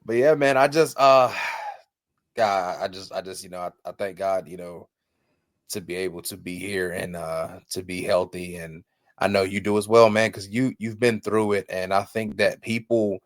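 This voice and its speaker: Man, thirties, podcast host, low voice, earnest, halting, dry mic. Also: fairly even intonation, no room sound. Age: 30s. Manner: earnest, warm-hearted, halting with many restarts. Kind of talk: casual chat.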